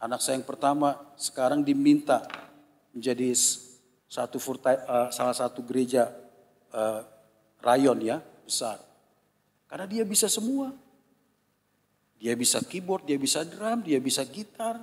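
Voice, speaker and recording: A man in his fifties, a pastor giving a sermon with a personal testimony, telling stories with lively impressions of his children and congregation. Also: medium pitch, a little slow, pauses often. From Indonesia. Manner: animated storytelling, mimics his children and congregation. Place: church hall. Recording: long church reverb.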